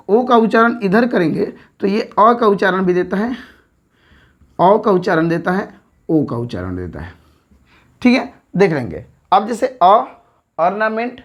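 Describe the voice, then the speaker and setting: A woman teaching an English grammar lesson at a whiteboard, repeating words slowly and checking understanding with quick questions. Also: mid-range voice.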